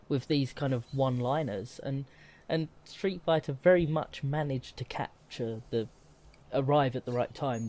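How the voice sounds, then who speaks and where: A man with a medium-pitched, slightly dark voice co-hosts a podcast, chatting casually about video games. He rambles and speaks emphatically, frequently correcting himself.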